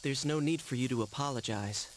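A young man voicing a calm, mysterious young figure in a video game, speaking in a measured, grave way. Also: mid-range voice, slight background noise, lightly acted. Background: game music.

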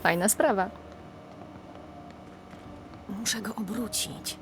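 A woman's voice: medium pitch, normal speed, music in the background, close to an everyday voice. A young woman voicing a plucky, wry reporter sneaking about in a video game, talking to herself. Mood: wry, determined.

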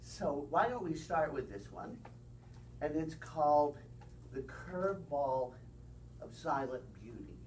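Middle-aged male poet, unhurried wry reading at a bookstore open mic, heard from across the room. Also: a little high, animated, darkish tone. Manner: slow, deliberate reading with wry asides. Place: bookstore room with small audience. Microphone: far camera. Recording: distant, faint room noise.

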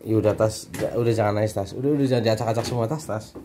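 A man's voice: lowish voice, very fast, noisy background. A man, a father, chatting casually and teasing playfully in a family video. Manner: teasing, laughing, playful commentary.

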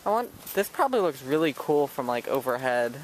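A man's voice: medium pitch, sing-song, fairly quick, a little hiss or hum. Young man joking through a camp tour. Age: young adult. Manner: joking, teasing tour-guide chatter. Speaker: vlogger. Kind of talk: casual handheld vlog. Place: outdoors in woods at a retreat camp.

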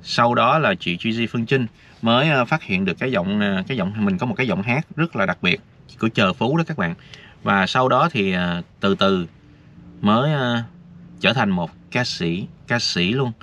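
A man's voice: fairly low pitch, lively intonation, normal speed, sharp tone. A man vlogger, rambling casually and talking straight to his viewers, filmed outdoors. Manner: chatty, addresses viewers directly, rambling. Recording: dull lo-fi with faint noise.

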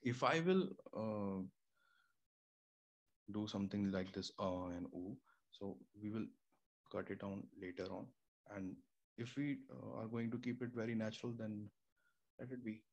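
Unhurried and creaky, with long pauses and a fairly low pitch, a young Indian-accented man walks through home recording step by step in a casual screen-share tutorial, using many fillers and restarts. Sound from his studio mic and audio interface is lo-fi, recorded in a small room near an air conditioner and fridge, with faint room hum.

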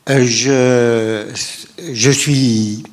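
An older man from France speaks slowly as a guest on a panel. He halts and repeats words as he searches for them, holding a handheld mic. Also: medium pitch, steady tone. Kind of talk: public panel debate.

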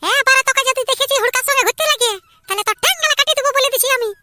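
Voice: extremely high pitch, rapid-fire, over music. A performer voicing a scolding village mother with a Purulia Bengali accent. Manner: scolding, sharp.

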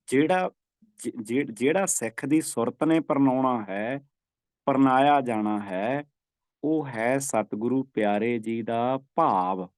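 A man teaching scripture recitation, chanting verses slowly and repeating them for practice. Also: medium pitch, darkish tone, no room sound.

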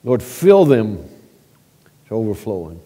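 A man leading a church prayer at a pulpit microphone, halting with repeated words and swelling louder as he prays. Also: fairly low pitch, sing-song, slightly rough. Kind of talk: spoken church prayer and announcements. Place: church sanctuary. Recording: long reverb of a church sanctuary.

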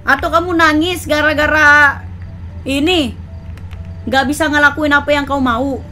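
A woman in a game roleplay, calmly lecturing and scolding a friend. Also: sits high, unhurried, soft background music. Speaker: roleplay gamer. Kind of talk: in-character game roleplay chat.

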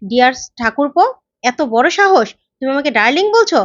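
Woman reading as a commanding woman investigator, high and bold, dry lo-fi sound. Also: expressive, fairly quick, no room sound. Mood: angry. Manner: commanding, threatening retorts. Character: determined woman investigator, confident and fierce.

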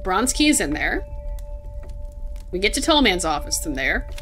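A woman's voice: lowish voice, sing-song, normal speed, fairly bright tone, faint music behind. A woman streaming a video game, reading in-game notes aloud and chatting with her viewers. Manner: reads in-game notes aloud, chats with chat. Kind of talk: let's play commentary.

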